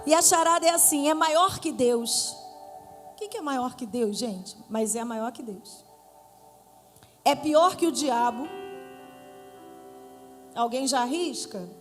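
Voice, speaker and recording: A woman pastor with a Brazilian accent preaching a Pentecostal sermon, playful with the congregation and rising to shouts. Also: high-pitched, expressive, takes it slowly, long pauses. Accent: Brazilian Portuguese. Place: church hall with live congregation. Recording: church hall reverb with faint music.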